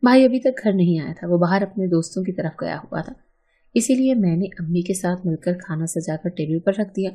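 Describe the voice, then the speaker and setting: A woman storyteller reading a first-person family tale aloud in a steady, plain manner. Her voice is mellow and warm in tone, with a soft husky edge. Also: on the low side.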